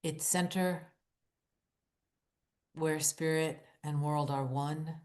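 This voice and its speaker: This guided visualization features a woman whose voice is low and steady, speaking hushed, soothing words at a very slow pace. Long pauses fall between her brief, deliberate phrases, and the repetition gives it an incantatory feel.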